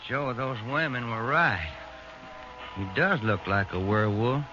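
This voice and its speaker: An actor playing an eager male police partner who talks quickly and excitably in a 1940s radio drama. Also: medium pitch, close to an everyday voice. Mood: tired. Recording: dull old radio broadcast with music.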